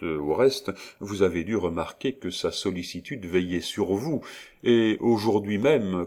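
A man voicing a dignified noble father who speaks earnestly and with emotion, in a storybook reading. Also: deep voice. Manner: earnest, gently solemn.

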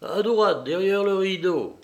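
A man doing an eager, high young accomplice. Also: unhurried. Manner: excited, loud, deferential.

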